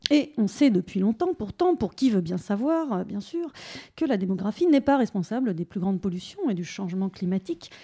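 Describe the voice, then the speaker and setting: A woman's voice: medium pitch, big pitch swings, fairly quick, warm tone, slightly rough. A young woman giving a satirical radio column in a studio, sarcastic and mocking.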